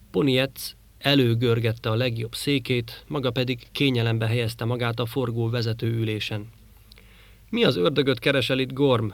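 A man reading a science fiction story aloud in a measured storytelling manner. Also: mid-range voice. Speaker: audiobook narrator. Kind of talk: scripted narration.

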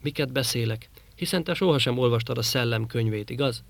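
A man voicing a gruff, grumbling male space trader in an audiobook reading. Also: mid-range voice, no room sound, close to an everyday voice. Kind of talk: audiobook character voice.

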